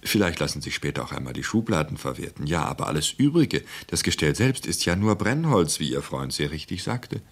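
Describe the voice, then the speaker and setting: A man's voice: very deep voice, big pitch swings, brisk, few pauses, heavily acted. A man voicing a wily, ingratiating middle-aged antique dealer who poses as a clergyman, in a radio drama reading. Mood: wheedling. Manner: smooth, falsely modest, haggling.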